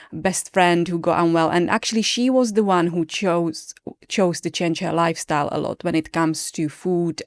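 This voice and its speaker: Speaking in a fairly low, smooth voice, a Czech woman in her late thirties who teaches yoga talks casually on a podcast as a guest. She comes across as earnest and reflective, with her Czech accent and frequently restarted sentences, in a dry recording.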